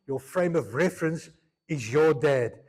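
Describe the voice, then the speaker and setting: Male pastor, slightly high pitch; earnest bilingual sermon delivery with repeated phrases. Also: measured pace, darkish tone. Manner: switches between Afrikaans and English mid-sentence, earnest, repeats phrases.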